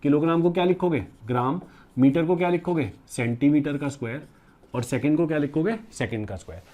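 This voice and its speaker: At the board, a male physics teacher explains things step by step in a fairly quick, mellow voice that sits a little high. He keeps asking his class questions, affectionately addressing them as "beta" and "bachche," with English terms sprinkled throughout.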